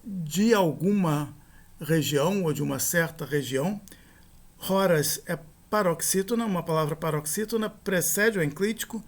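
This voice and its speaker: A man with a high voice lectures on grammar. He explains each rule step by step, repeating the key terms. He slows right down to sound out every example word. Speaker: teacher.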